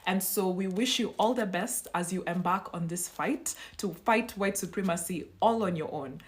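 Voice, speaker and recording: A woman with a slightly low voice speaks a mock-formal, sarcastic monologue. Her delivery is measured and pointed.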